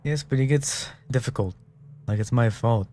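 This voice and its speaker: A man voicing a worried otter wife who hires a detective, read softly and hesitantly. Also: medium pitch, normal speed, a little hiss or hum, natural voice.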